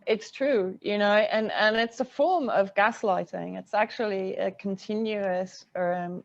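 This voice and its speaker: A British woman in her fifties, a guest journalist, speaking earnestly and emphatically over a video call and laughing often. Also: lowish voice. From Britain. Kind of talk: interview conversation. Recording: dull lo-fi video call audio.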